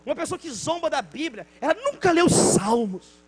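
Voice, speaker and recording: A man's voice: very high-pitched, very animated, moderate pace. A male pastor with a Brazilian Portuguese accent preaching a sermon with passion, acting out the people in his stories.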